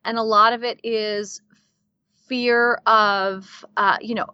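A woman guest talking in a casual interview, animated, laughing often and leaning on filler words. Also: fairly high pitch, slow pace, clean tone, no echo, highs cut off. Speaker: guest coach.

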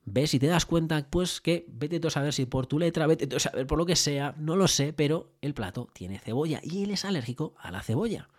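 Hardly pausing, a man with a slightly high voice and a Spain Spanish accent talks a little fast through a motivational business talk. He coaches with frequent rhetorical and tag questions and brings stories to life by acting out dialogue.

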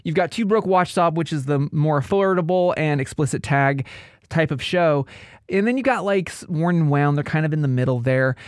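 A man's voice: a little high, normal speed, dry recording, clean studio sound. A man hosting a podcast in informal conversation, rephrasing himself as he goes. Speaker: podcast host. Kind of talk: casual chat.

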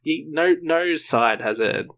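A man's voice: on the high side, expressive, slow pace, fairly bright tone. A man in a casual chat, giving his opinions in a rambling way with lots of fillers.

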